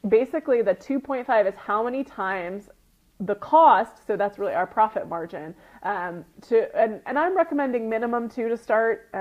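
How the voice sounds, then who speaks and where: In dull lo-fi audio, a woman with a mid-range voice and a slightly sniffly, runny-nosed sound gives an informal coaching talk. She's a retreat business coach and group host who explains things conversationally like a teacher, often checking in with "right?" and "okay?"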